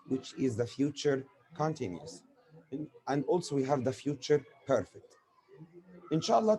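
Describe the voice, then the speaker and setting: A native Arabic speaker with an Egyptian accent delivers a grammar lesson, illustrating with examples and answering questions he poses himself. His voice is a little high and mellow, captured on a low-quality recording.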